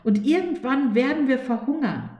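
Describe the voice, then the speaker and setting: A woman voicing Fear as a clingy, panicky female figure who frets and quickly turns shrill. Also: lively intonation, darkish tone. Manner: fretful, quickly shrill and alarmed. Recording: echoey room.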